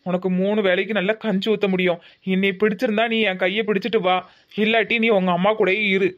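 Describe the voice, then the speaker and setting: Cartoon: man playing a steady, sincere young son-in-law with a Tirunelveli accent, flat delivery, dull recording. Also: high voice, quick pace. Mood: earnest. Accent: Tirunelveli Tamil. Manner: steady, earnest, reasoning. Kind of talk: cartoon comedy voice acting.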